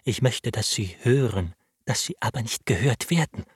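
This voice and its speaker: A man reading the part of an anxious, loyal older male butler, speaking in an urgent, hushed and insistent way. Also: mid-range voice, animated, moderate pace, breathy edge, dry recording, clean studio sound.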